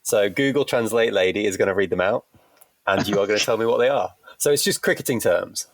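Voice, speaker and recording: A man hosting a podcast in casual chat, playful and quick to laugh as he quizzes his guest. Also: fairly low pitch, no echo. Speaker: podcast host.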